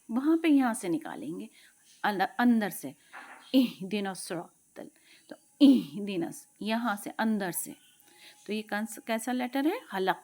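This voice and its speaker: A woman teaching Quran pronunciation, explaining patiently and slowly modelling each letter sound, sometimes dropping to a soft whisper. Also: on the high side. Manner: drops to a soft whisper at times. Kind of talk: tajweed lesson.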